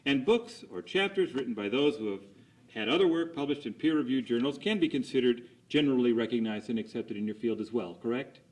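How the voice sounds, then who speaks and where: A man's voice: medium pitch, animated, a little fast, darkish tone, rough recording. A man conducting a cross examination as an attorney, putting formal, methodical leading questions and seeking agreement after each statement.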